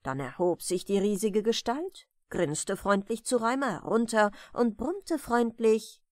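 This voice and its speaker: A woman reading a bedtime story aloud as an audiobook narrator, calm, unhurried and expressive. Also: a little high, no room sound, clean studio sound. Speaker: audiobook reader.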